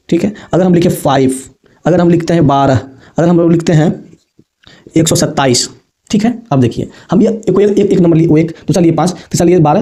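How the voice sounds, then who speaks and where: Patient and repetitive, this male teacher goes over basic maths with his students in a fairly high, mellow voice. He keeps using fond terms like "babu" and "bachchon" for them.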